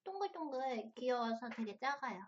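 A woman with a fairly high voice gives a casual snack review, chatting while she tastes and crunches chips. She talks as a mukbang host would, eating between remarks. The recording is a little dull, with noticeable noise behind her. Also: big pitch swings, normal speed.

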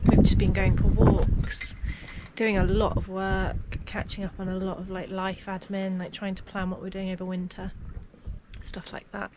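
A woman's voice: mid-range voice, moderate pace, background noise. Woman chatting on a sailboat. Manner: relaxed, chatty, hesitant fillers. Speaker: sailing vlogger. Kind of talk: casual vlog talk to camera. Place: outdoors on a sailboat deck in a harbour. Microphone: camera held close.

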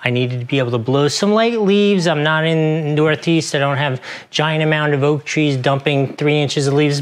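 A man doing a casual unboxing review, chatty and enthusiastic, joking at his own expense, recorded in a garage studio. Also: on the high side. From lives in Florida. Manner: enthusiastic, chatty, self-deprecating. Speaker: product reviewer. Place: outdoor garage testing studio.

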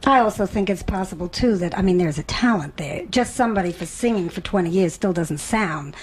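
A woman's voice: on the low side, animated, a little fast. A woman interviewing, asking questions in a chatty, rambling way full of "I mean". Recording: old tape with faint hiss and clicks.

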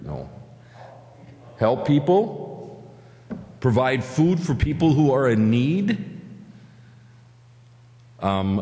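A pastor in his fifties with an Upper Midwest American accent preaches a conversational sermon from the pulpit, asking the congregation questions. His voice is mid-range and darkish, and the pulpit microphone catches the reverb of the church sanctuary.

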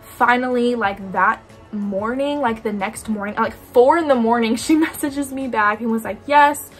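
A young woman with a slightly high voice tells a casual storytime, lively and chatty, peppering her sentences with "like". Faint music plays softly behind her. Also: normal speed. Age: young adult. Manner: animated, talks in quoted asides, frequent "like". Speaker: vlogger.

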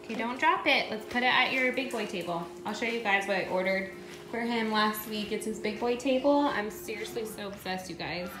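A woman's voice: medium pitch, a little fast. Young female vlogger, casual phone-camera chat at home, echoey room, music bed. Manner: chatty, upbeat, talks to her toddler in between. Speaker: vlogger and mom. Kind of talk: casual vlog talk to camera. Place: home kitchen and living room. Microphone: phone camera held at arm's length.

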